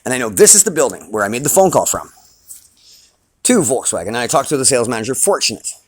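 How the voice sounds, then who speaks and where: A man films himself outdoors and rants to the camera in a husky, mid-pitched voice. He is worked up and swears freely, and his voice keeps climbing into louder outbursts. The phone recording is dry and close. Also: big pitch swings, fast, no echo. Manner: agitated and profane, rising to outbursts. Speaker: vlogger filming a street complaint. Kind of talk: angry rambling street vlog.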